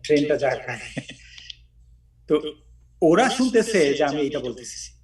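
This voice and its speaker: A man's voice: a little high, big pitch swings, unhurried, recorded from a distance, a crowd in the background, rough recording. A man from Bangladesh teaching pronunciation in casual talk, modeling English words and explaining where to put the stress. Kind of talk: informal teaching chat.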